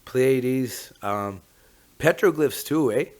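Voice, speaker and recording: A man from Mi'kma'ki in eastern Canada hosts a talk on traditional teachings, speaking Canadian English with a Mi'kmaq First Nations accent. His voice is medium-pitched, expressive, and slow, and the talk is informal, reflective, and rambling, with phrases often tagged with "eh."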